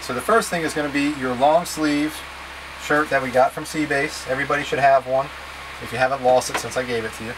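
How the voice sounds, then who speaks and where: Speaking a little fast in an ordinary voice that runs slightly high to middle, a man in his thirties gives scout-leader-style packing instructions step by step. Plain-spoken and casually directive, he addresses a camera a few feet away inside a small wood-panelled boat cabin, a clear steady hum in the background.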